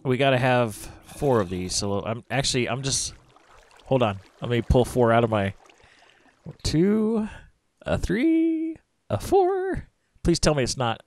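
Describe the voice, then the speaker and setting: A man playing a video game with a friend, chatting casually and joking in a playful, excitable way. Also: medium pitch, a little slow. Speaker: let's play gamer. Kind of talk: casual co-op gameplay chat.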